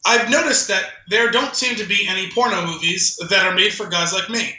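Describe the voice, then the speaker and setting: A man with a high, bright, forceful voice co-hosts a podcast, talking a little fast as he chats and reads a poem with dramatic flair. He's clearly amused, laughing often while reading, and the audio is poor with an echoey room sound.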